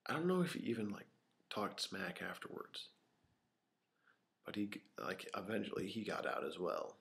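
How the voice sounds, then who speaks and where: This young vlogger's voice sits on the low side and comes across very animated at a normal pace, slightly bright, with a bit of background noise. Recording on his camera mic in a small bare room, he rambles through casual off-the-cuff stories, heavy on fillers, occasionally whispering.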